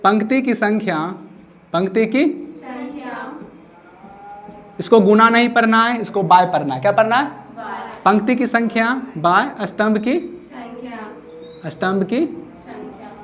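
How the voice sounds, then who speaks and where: A man's voice: high voice, slow, pauses often, a bit bright. A man teaching a maths class, repeating his questions so students answer back. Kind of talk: classroom lecture.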